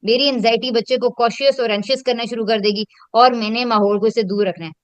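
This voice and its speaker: A woman's voice: fairly high pitch, steady tone, fairly quick, no room sound, muffled recording. A woman, explaining her teaching in a reflective, conversational way and mixing in English terms. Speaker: educator and host. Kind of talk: casual conversational teaching talk.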